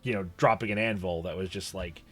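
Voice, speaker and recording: A man's voice: low voice, fairly quick, soft background music. A man hosting a casual livestream, wry and sweary, often letting his thoughts trail off. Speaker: VTuber streamer and host.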